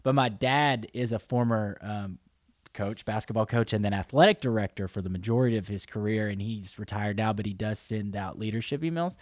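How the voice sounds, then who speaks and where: A man's voice: fairly low pitch, a little fast, no echo, clean studio sound. A man hosting an interview podcast, thinking aloud in a friendly, rambling way. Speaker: podcast host. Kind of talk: casual interview talk.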